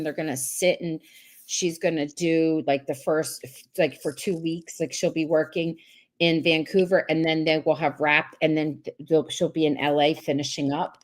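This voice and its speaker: A woman hosting a casual live-stream chat over a video call, talking in a rambling way with many restarts. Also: sits low. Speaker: host.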